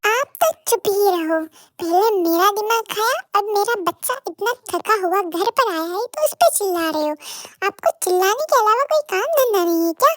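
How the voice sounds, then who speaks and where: A high young voice doing a fussy doting mom. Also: animated, moderate pace, fairly bright tone, no echo. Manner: fussy, scolding, tearful. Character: doting middle-aged mother, fussing over her son.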